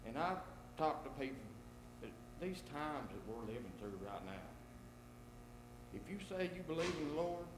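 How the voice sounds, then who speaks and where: A man in his sixties giving a plain, earnest testimony in a church, halting now and then with fillers. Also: medium pitch, expressive. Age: 60s. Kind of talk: spoken testimony. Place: church sanctuary. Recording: echoey church with mains hum.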